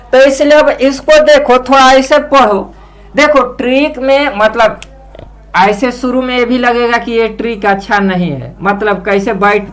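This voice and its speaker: A woman chemistry teacher explaining in a casual classroom way, repeating memory tricks slowly and chanting them over. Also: a little high, a bit bright. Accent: Hindi-speaking Indian.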